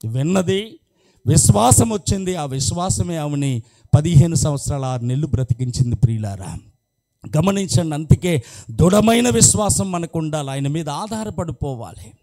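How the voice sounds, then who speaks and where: A man's voice: on the high side, animated, normal speed, mellow. A man preaching a sermon as a pastor, telling a story and acting out its dialogue in rising, emphatic bursts. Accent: Telugu from Andhra Pradesh.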